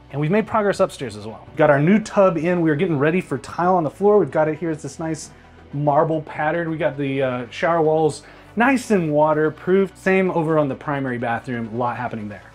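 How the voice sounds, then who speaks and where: Easygoing man touring a renovation. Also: a little high. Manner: easygoing, explanatory. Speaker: house flipper host. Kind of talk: casual walkthrough chat. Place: house under renovation, indoors. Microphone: lapel.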